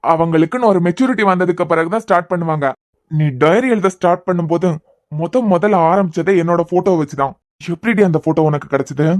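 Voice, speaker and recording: A man's voice: high voice, quick pace, no echo, clean studio sound, lightly acted. A man voicing a teasing, persistent young man in a Tamil cartoon series with a Kanyakumari accent. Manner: teasing, pressing questions. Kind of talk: cartoon web series voice acting.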